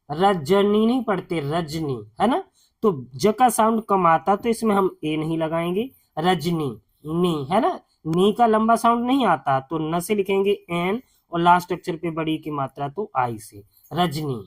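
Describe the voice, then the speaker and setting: Slow, patient male tutor. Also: high voice, lively intonation. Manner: patient, repeats each sound and spelling step by step. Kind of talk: slow classroom-style tutorial.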